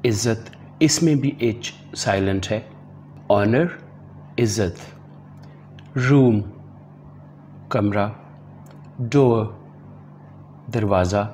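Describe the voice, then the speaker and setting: A man teaching English vocabulary with Urdu meanings, drilling each word slowly and carefully, with an Urdu accent in his English. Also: fairly low pitch, darkish tone, slight background noise. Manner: slow, deliberate word-by-word drilling. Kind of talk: vocabulary lesson.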